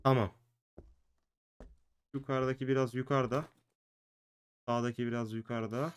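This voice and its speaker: A man's voice: mid-range voice, little pitch movement, normal speed, smooth. A man hosting a gaming video, giving chatty, jokey let's play commentary and talking to the game's characters and his viewers.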